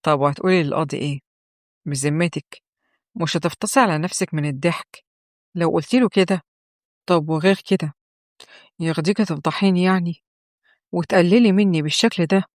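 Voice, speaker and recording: A woman's voice: fairly low pitch, a little fast, pauses often, darkish tone, no room sound, studio quality, natural voice. A woman voicing a coaxing, self-pitying young husband with a mocking edge, in an Egyptian accent. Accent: Egyptian Arabic.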